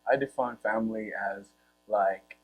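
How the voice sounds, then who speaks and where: A teenage high school football player from the Democratic Republic or Republic of the Congo answers interview questions in a fairly low voice. His speech is informal and halting, with a Congolese accent and a heavy reliance on "like." The recording is muffled, with a faint electrical hum.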